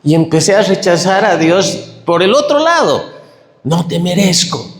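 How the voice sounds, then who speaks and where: Emotional preacher in an echoey hall. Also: male voice, sits high, measured pace, soft background music. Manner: emotional, tearful, animated storytelling. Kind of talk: testimony sermon. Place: church hall.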